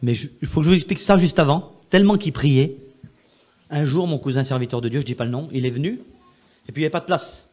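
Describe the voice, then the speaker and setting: A man, a pastor, telling a personal testimony in a sermon, repetitive and emphatic, moving between hushed and loud passages. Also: fairly high pitch, quick pace, muffled recording.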